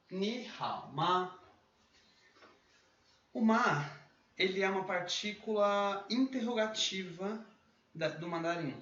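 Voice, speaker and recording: A man with a fairly high voice teaches Mandarin greetings in a relaxed video lesson, checking in often and stretching out sample syllables to show the tones. He sits back from the microphone in an echoey room. The sound is dull and lo-fi with a faint hiss behind it. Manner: explains patiently, often checks in with "né?"; drawls out model syllables slowly and higher when demonstrating tones. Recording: roomy, dull lo-fi sound from a distance with faint background noise.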